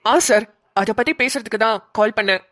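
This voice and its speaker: A young police officer reports details briskly and in a businesslike manner, voiced by a woman. His voice is a little high. The sound is close and dry. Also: fairly even intonation, fairly bright tone, dry recording, close to an everyday voice. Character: young male police colleague on a call. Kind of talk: cartoon voice acting.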